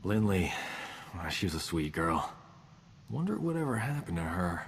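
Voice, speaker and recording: A cocky, self-important space doctor who brags and wisecracks through every line. The voice sits a little low. A long reverb and faint hiss hang behind him, as in game dialogue. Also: male voice. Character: boastful roguish male doctor, vain and flippant. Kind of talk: video game character dialogue.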